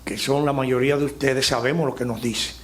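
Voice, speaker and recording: A middle-aged Dominican man preaching a sermon as pastor, slowing down and rising on key phrases for emphasis. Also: mid-range voice, steady tone, slight background noise. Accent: Dominican Spanish. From Dominican Republic.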